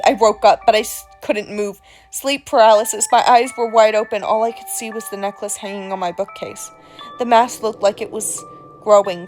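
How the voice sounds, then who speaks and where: A woman's voice: mid-range voice, darkish tone, natural voice. A woman voicing an eerie collector of creepy trinkets, reading a first-person horror story theatrically in a put-on accent.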